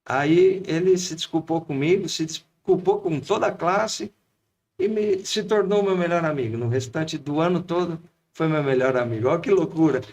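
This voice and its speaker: Man, Brazilian Portuguese accent, pastor, storytelling, acts out the voices, a bit high-pitched. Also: normal speed. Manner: lively anecdotal storyteller, acts out quotes. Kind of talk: storytelling in casual chat.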